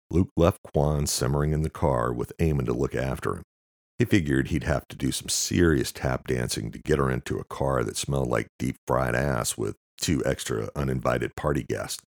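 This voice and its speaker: Very deep, gravelly male audiobook narrator. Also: a little mellow, no room sound, clean studio sound.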